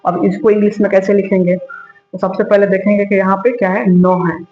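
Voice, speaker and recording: A man's voice: high voice, little pitch movement, fairly quick, darkish tone. A man teaching a lesson step by step, asking questions and answering them himself. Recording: echoey room, dull lo-fi sound, faint music.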